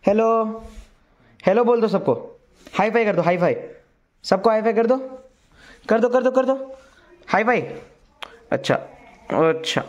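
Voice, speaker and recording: A man's voice: sits high, lively intonation, unhurried, long pauses, dull audio. A young man talking casually to a handheld phone camera at home, chatty and playfully teasing his family. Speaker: vlogger. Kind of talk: casual vlog narration.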